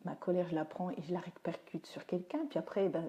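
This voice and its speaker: Her voice is lowish, steady, and mellow, and she speaks briskly. Streaming live via phone or webcam, the teacher and parenting speaker chats in a down-to-earth way, full of fillers, as she responds to viewer comments.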